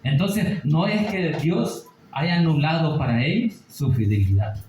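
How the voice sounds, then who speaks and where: A man teaches a Bible study as a sermon, his voice mellow and warm. He keeps asking rhetorical questions and checks in with his listeners. The sound is roomy and echoey, with a faint hiss underneath. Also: a little high, expressive, measured pace. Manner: preaching with rhetorical questions and tag "¿verdad?". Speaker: pastor.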